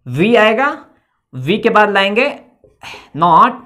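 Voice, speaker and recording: A woman's voice: medium pitch, big pitch swings, very slow, fairly bright tone. A woman teaching English grammar at a board, explaining patiently step by step, checking in after each point and spelling words letter by letter. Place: indoor classroom with a board.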